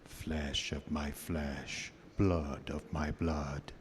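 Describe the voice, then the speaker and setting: Deep, slow, menacing vampire count. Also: male voice, little pitch movement, exaggerated voice. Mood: taunting, triumphant. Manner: slow, grandiose, threatening. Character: menacing, taunting vampire count, ancient and commanding. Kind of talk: live radio horror drama acting. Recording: long hall reverb, faint noise.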